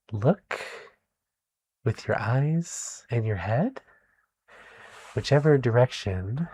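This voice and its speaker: Heavy background noise sits under this ASMR roleplay of a kindly, gentle animal doctor. The soft-spoken performer uses a medium-pitched voice, soothing and encouraging, pausing deliberately.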